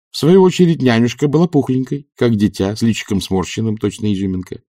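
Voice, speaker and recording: A man reading a story aloud with an expressive, ironic delivery. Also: medium pitch, no room sound, clean studio sound. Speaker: audiobook narrator. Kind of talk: scripted narration.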